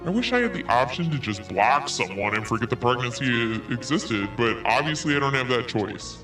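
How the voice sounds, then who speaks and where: This podcast host, a man with a mid-range voice, is very animated and brisk as he reads an email aloud, cutting in with sarcastic jabs. He's seated a bit away from the mic, so he sounds distant, and soft music plays beneath him.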